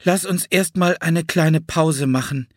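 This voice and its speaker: A man's voice: on the high side, measured pace, dry recording, studio quality, pitched above the performer's own voice. A man voicing a young boy in an audiobook, brave but strained with pain. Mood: weary. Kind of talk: audiobook character voice.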